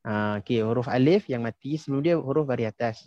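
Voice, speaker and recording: A man's voice: medium pitch, quick pace, mellow, dry recording, muffled recording. A young man teaching a class online, patiently quizzing students and filling gaps with "ha" and "okey". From Malaysia. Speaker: tajwid teacher. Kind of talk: casual online class instruction.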